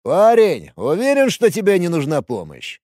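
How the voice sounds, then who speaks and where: A man's voice: sits high, wildly swooping pitch, normal speed, warm tone, no echo, studio quality, pitched above the performer's own voice, heavily acted. A man voicing a suspicious mustached cop. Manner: questioning, mildly mocking. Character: mustached middle-aged male police officer, suspicious.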